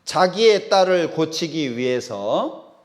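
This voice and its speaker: Guy pastor preaching real slow, higher voice, asks the crowd stuff then answers it himself. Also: expressive. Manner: asks the congregation questions and answers them; acts out the voices of the people in the story. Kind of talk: sermon.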